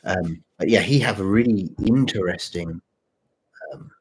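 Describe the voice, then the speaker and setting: A male streamer with a fairly deep, rough-edged voice, touched by a mild sore throat that makes it deeper than usual, chats with viewers in a halting, informal, repetitive way. He hosts the channel and writes stories, and this casual livestream is captured on a rough recording.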